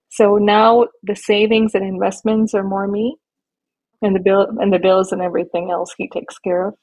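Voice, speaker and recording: A woman from India and Nigeria, talking thoughtfully as an interview guest with many small pauses and restarts. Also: medium pitch, a little mellow, poor audio. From born in India, raised in Nigeria. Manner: thoughtful, measured, with frequent fillers and restarts. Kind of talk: interview conversation.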